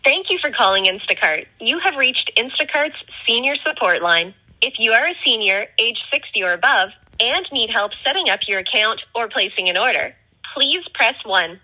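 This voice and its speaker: A woman's recorded automated phone menu message, reading scripted prompts in a slow, measured, evenly enunciated way. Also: fairly high pitch, lively intonation, sharp tone, rough recording.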